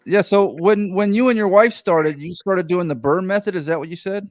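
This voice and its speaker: A man in his fifties hosting a casual podcast interview, joking and asking quick questions. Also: high-pitched. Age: 50s. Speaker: podcast host.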